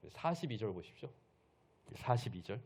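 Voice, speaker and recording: A man's voice: mid-range voice, big pitch swings, moderate pace, a little mellow, husky. A male pastor preaching a Sunday sermon, retelling a story and putting questions to the congregation.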